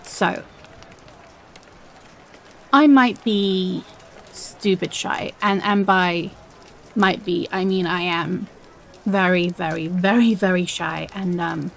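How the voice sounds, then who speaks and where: A woman playing a shy, nervous young woman in an audio role-play, speaking haltingly and putting herself down as she confesses a crush. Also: on the low side, gravelly. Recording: faint background noise.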